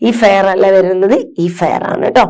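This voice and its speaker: A woman with a Malayali accent teaching a recorded English lesson on homophones. She reads English lines slowly, then explains quickly with tag questions and calls her students children. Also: medium pitch, steady tone, a little mellow.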